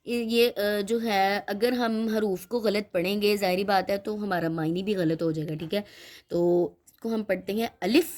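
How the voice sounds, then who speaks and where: A woman's voice: mid-range voice, steady tone, a little mellow. A woman teaching a children's Quran reading lesson, explaining each sound patiently and often stopping to check that the listener follows. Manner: explains slowly, checks in with "theek hai?" often; models letter sounds, drawn out and repeated.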